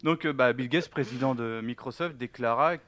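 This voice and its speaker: A man co-hosting a casual podcast, reading his prepared segment quickly and laughing between facts. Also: mid-range voice, fairly bright tone. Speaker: podcast co-host presenting a segment.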